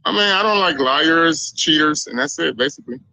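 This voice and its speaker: A man from Israel, a guest on a live dating interview, giving short, flat answers. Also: a little high, fairly quick, vocal fry, no echo, rough recording.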